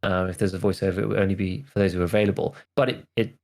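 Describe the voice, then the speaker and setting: Low-voiced man in laid-back podcast chat. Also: steady tone, very fast, a little mellow. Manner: loose and hedging, many "like" fillers and restarts. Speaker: podcast co-host. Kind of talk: casual chat.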